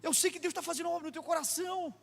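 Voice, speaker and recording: A Brazilian man preaching a sermon as pastor, acting out stories and rising into impassioned shouts. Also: very high voice, steady tone, very fast, gravelly. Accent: Brazilian Portuguese. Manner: acts out dialogue in anecdotes. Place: church sanctuary. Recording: long church reverb, faint music.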